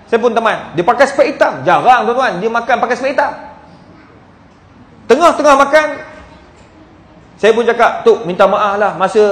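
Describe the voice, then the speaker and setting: A male preacher with a Malaysian Malay accent, telling a story in a sermon and often turning to the audience. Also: very high voice. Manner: storytelling, addresses audience as tuan-tuan. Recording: echoey hall.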